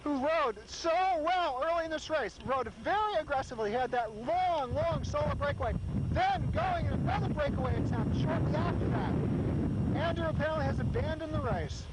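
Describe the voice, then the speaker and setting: Brief: very high man, casual race play-by-play, old camcorder audio buried in loud wind noise. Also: lively intonation, normal speed. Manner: casual, filler-heavy narration. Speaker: amateur race commentator. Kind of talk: live play-by-play commentary. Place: outdoors beside a race course. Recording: wind-blasted camcorder mic outdoors.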